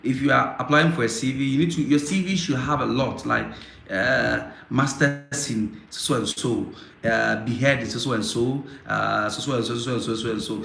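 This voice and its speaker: Male host from Africa, casual live Q&A, halting and repetitive delivery, room echo with faint noise. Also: mid-range voice, gravelly, a bit bright. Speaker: host answering viewer questions.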